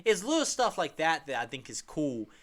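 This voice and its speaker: A man's voice: on the high side, sing-song, normal speed. A man co-hosting a podcast, chatting casually and animatedly retelling game scenes with laughter. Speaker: podcast co-host.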